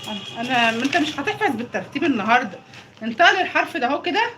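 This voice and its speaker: An Egyptian woman streams from home while tutoring her child in a high, quick voice. She stretches and stresses every letter sound. The phone picks up plenty of background noise from the house. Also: big pitch swings. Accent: Egyptian Arabic. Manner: drills letter sounds with exaggerated, emphatic pronunciation. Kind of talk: casual live stream. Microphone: phone livestream.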